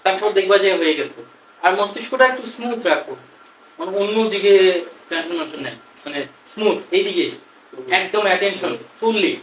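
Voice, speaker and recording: A man's voice: sits high, expressive, a little fast, a bit bright. A man teaching a class, drilling phrases call-and-response and coaxing students to repeat after him. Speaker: English teacher. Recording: roomy echo from far off, light hiss.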